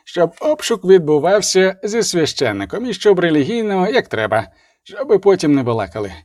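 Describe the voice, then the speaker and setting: A haughty middle-aged duke, imperious and commanding, with a lively, raised delivery, as a man voices him for an audiobook. He barks orders and expects obedience. The sound is close and dry. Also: high voice, moderate pace, no echo, voice pushed up. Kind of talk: audiobook character reading.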